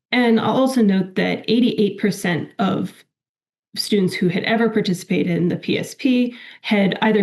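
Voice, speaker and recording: Still recovering from a cold, a woman presents evaluation results in a webinar with a slightly crackly, medium-pitched, darkish voice. She speaks in a measured way, often pausing with ums and restarting.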